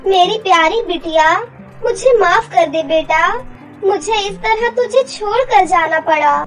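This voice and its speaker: A woman voicing the gentle, protective spirit of a dead mother in a cartoon story. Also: very high voice, measured pace, soft background music, low-quality recording. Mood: tender. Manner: tender, soothing.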